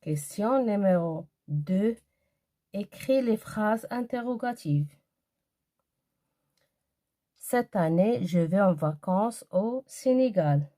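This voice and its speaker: Slow, mellow-voiced woman teaching grammar. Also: mid-range voice, expressive. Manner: slow, careful, spelling out example sentences. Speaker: primary school teacher. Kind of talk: grammar lesson for young children.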